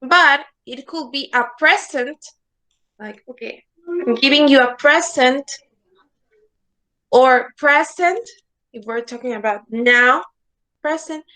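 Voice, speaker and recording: In an online English class, a woman with a high, sharp-toned voice teaches slowly, leaving long pauses. She is patient and repetitive, repeating words and asking "okay?" again and again. The recording is rough.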